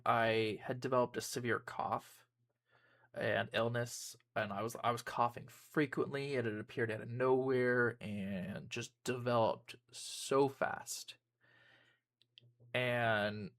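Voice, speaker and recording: A young YouTuber and streamer gives his viewers a casual personal update, rambling with frequent ums and restarts. His voice is mid-range and a bit bright.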